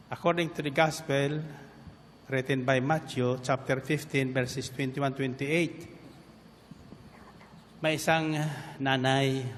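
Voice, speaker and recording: A man preaching a lively sermon, switching between Filipino and English as he reads scripture and asks the congregation "Amen?". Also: medium pitch, in a large hall, slight background noise.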